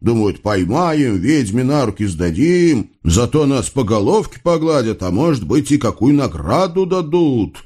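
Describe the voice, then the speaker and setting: A man narrating a folk tale as an expressive audiobook reading. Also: mid-range voice, measured pace, few pauses, husky. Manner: lively folk-tale storytelling.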